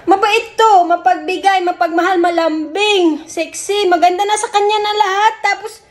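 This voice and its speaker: A woman's voice: very high voice, fairly even intonation, normal speed. A woman answering commenters earnestly and defensively in couple banter, often laughing, recorded at home. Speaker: vlogger's partner.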